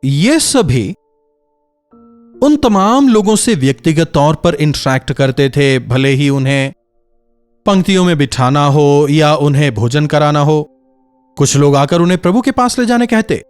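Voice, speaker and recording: Animated high-voiced male preacher. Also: a little slow, clear, resonant tone, soft background music. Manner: expressive preaching, rhetorical questions to listeners. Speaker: pastor. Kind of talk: daily devotional sermon.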